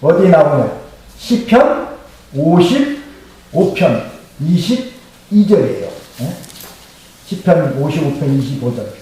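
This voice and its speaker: A man's voice: on the high side, big pitch swings, takes it slowly, long pauses, dark tone, a little hiss or hum. A male pastor preaching a sermon who keeps asking the congregation questions and having them repeat the answers. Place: church sanctuary. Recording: very echoey hall, mic far off.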